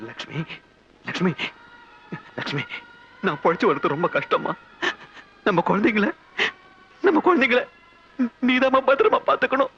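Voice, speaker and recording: An anguished trapped husband, high voice, pleading, muffled old film audio. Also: male voice. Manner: pleading, panicked. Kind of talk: 1990s film drama acting. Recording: dull old film soundtrack.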